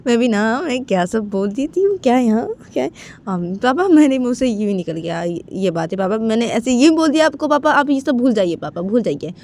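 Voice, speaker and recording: A woman's voice: a little high, big pitch swings, a little fast, darkish tone, voice pushed up. A woman voicing a college-age daughter who pleads with her father, repeating "papa" over and over in an amateur spoken story. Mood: flustered. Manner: repetitive, pleading with many "papa"s.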